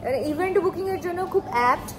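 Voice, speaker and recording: A young woman chatting in a couple vlog, lively and mixing in English words. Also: very high voice, racing, over a noisy crowd. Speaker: vlogger.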